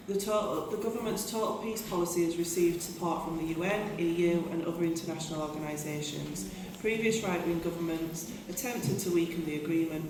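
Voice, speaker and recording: In a conference meeting room, a low-voiced British woman who is a union general secretary chairs a fringe meeting. She reads her prepared remarks, often restarting and turning aside to address the audience. The hall echoes, and the noisy recording catches her from a distance.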